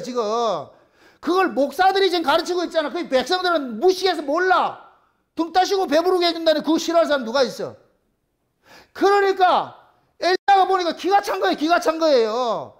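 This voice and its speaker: A man's voice: very high-pitched, lively intonation, fairly quick. A middle-aged male pastor, preaching a sermon and acting out biblical dialogue in blunt, colloquial speech.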